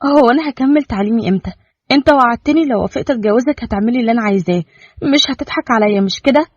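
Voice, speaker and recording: A man's voice: very high voice, very fast, no room sound, voice pushed up. A man voicing a young, naive Bedouin girl with an Egyptian Arabic accent, asking eager, wide-eyed questions in a storybook reading. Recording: dull lo-fi dry recording.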